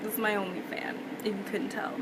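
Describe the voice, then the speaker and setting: A woman's voice: mid-range voice, flat delivery, a little fast. A young adult American woman telling a story in a casual, slangy, sweary vlog style, recorded indoors on a camera mic. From United States. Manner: informal, slangy, frequent swearing. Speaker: vlogger. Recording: loud fan noise in background. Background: whirring electric fan.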